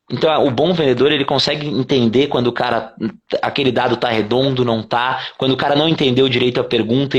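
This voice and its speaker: A man from Brazil, a company CEO, talking casually in an interview, quick and animated, swearing freely and acting out what clients say. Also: medium pitch. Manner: fast, animated explaining with swearing and acted-out quotes.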